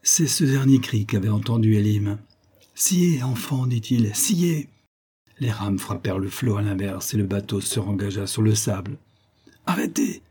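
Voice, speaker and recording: A man narrating a novel as an audiobook in a measured, dramatic reading. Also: lowish voice, steady tone, dark tone, breathy edge. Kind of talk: scripted narration.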